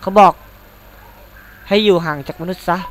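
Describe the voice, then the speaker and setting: A man doing an excitable young monster kid. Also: moderate pace, slight background noise, lightly acted, low-quality recording. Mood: nervous. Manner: excited, stammering, says "yo" often.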